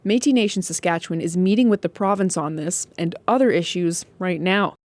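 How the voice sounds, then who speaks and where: A woman news reporter delivering a scripted field report in a measured, even manner. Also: fairly low pitch, no room sound.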